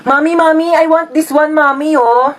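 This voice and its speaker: A woman's voice: high voice, steady tone, moderate pace, lightly acted. A woman voicing a spoiled, begging little girl. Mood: pleading. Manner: pleading, whiny.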